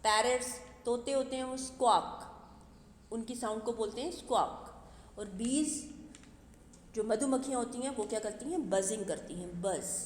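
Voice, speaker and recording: A woman teacher slowly explaining an English poem to young children, translating each word. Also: a little high. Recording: echoey room with long reverb.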